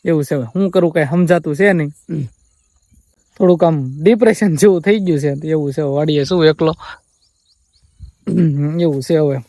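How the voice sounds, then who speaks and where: Young man, subdued rambling vlog, somewhat high voice, mellow tone, dry close sound. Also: normal speed, long pauses, no echo. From Gujarat, India. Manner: subdued, rambling and repetitive, often quoting others. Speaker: vlogger. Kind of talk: confessional vlog to viewers. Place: family farm, outdoors.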